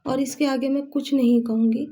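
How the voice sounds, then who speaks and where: A woman's voice: high-pitched, fairly even intonation. A woman doing a fond, strict mother. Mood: lecturing. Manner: gently lecturing. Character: middle-aged mother, fond but strict.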